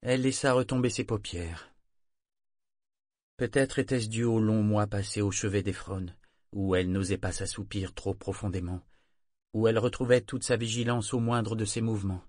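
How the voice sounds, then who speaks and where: A man narrating a novel in a measured, even storytelling manner. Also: fairly low pitch, no echo, studio quality. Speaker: audiobook narrator.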